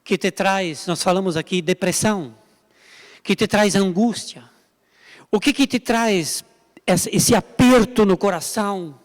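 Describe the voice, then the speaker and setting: A man's voice: sits high, unhurried, big-room sound. A male pastor, preaching a sermon emphatically, repeating lines and appealing directly to the congregation. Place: church service.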